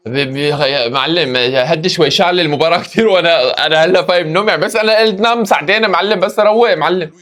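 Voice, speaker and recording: A hoarse young man with a Levantine Arabic accent, hosting a live football match reaction and exclaiming at every chance. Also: fairly high pitch, quick pace, fairly bright tone. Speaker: football reaction video host.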